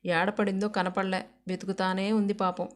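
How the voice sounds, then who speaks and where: A woman's voice: medium pitch, level tone, moderate pace, close to an everyday voice. Woman doing a kind village woman, soothing, rustic speech, storybook voice.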